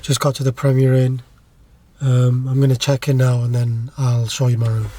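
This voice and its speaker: A British man giving a casual, matter-of-fact vlog update in a low-key way. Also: little pitch movement, normal speed, background noise. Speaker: vlogger. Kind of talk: casual vlog talk to camera.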